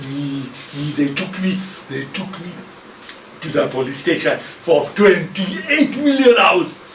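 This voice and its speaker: A man playing a panicky, famous male news reporter who shouts and repeats himself in a frantic rush. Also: a little high, expressive, slow, a little hiss or hum. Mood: flustered. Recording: roomy, distant mic, faint ambience.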